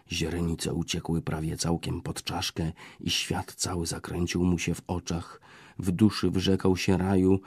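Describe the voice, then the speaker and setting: A man reading a historical novel aloud as narrator, in a measured, expressive storytelling way. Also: low-pitched, husky, dry recording, studio quality.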